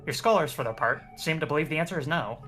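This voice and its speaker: A man's voice: fairly high pitch, expressive, fast, fairly bright tone, soft background music. A man reading game text aloud as narrator during a playthrough.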